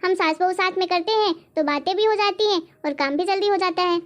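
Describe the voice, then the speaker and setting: A woman voicing a kindly, reasonable older mother-in-law in a cartoon, speaking in a gentle, motherly way. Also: very high-pitched, fairly quick. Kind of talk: animated cartoon voice acting.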